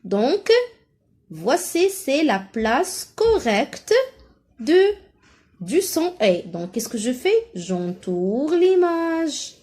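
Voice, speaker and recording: A woman's voice: sits high, sing-song, a little mellow. A woman with a Moroccan French accent teaching a first-grade phonics lesson, stretching out syllables and encouraging her pupils. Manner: slow, drawn-out syllables, encouraging. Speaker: primary school teacher.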